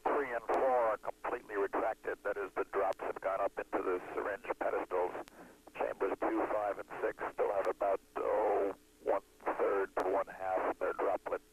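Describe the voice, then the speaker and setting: Low-voiced astronaut on a radio downlink. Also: male voice, fairly even intonation, moderate pace, a little hiss or hum, rough recording. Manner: matter-of-fact, businesslike. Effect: space-to-ground radio transmission. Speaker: astronaut in orbit. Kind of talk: radio status reports.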